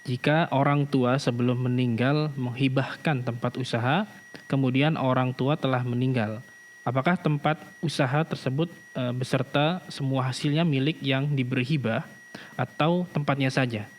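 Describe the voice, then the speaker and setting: A male moderator reads viewers' questions aloud on a live broadcast. His voice is mid-pitched, and his delivery is polite and formal. A faint hum runs in the background. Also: normal speed. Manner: polite, even, formal reading.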